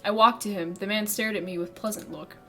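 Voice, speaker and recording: A woman's voice: medium pitch, fairly even intonation, fairly quick, soft background music. A woman streamer reading a visual novel aloud, laughing and swearing between lines.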